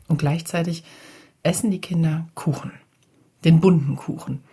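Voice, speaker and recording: A woman's voice: low-pitched, a little mellow, breathy edge. A woman narrating a children's story in a chatty, casual way, often turning to talk to the listeners. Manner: chatty, addresses listeners directly.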